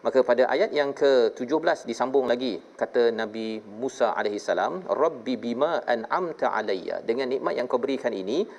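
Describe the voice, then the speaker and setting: A man of middle pitch explains a scripture story in a relaxed, chatty way to a co-host. He builds the tale animatedly, his voice lifting at the dramatic turns. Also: a little fast, few pauses. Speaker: religious teacher and host.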